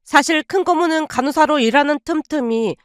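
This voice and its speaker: Casting: woman narrator, high and clear, calm measured story radio reading. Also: no echo, studio quality.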